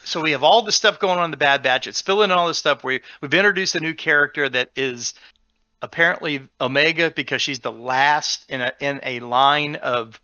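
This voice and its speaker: A man co-hosting a podcast in casual chat, rambling with many restarts and getting animated as he explains. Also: fairly high pitch, fairly quick, no room sound, dull audio. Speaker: podcast co-host.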